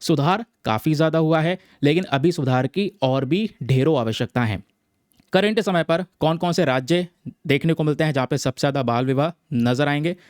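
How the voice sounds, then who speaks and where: A man's voice: on the high side, dry recording, clean studio sound. A man teaching exam students, explaining a newspaper article in a chatty way, mixing English terms into his talk and often checking in with viewers. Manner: chatty, addresses viewers as friends, repeats "theek hai"; mixes English terms into Hindi.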